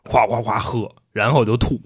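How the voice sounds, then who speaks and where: A man retelling a classic novel comically, in animated, slangy talk with frequent laughs. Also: on the low side, normal speed, breathy edge. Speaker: storyteller host.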